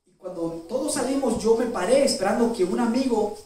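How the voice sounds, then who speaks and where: A man's voice: very high-pitched, fairly quick, warm tone. A male pastor preaching a sermon, telling a personal story emotionally and asking the congregation questions. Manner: emotional, self-described crier. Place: church. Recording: very echoey hall, mic far off, faint noise.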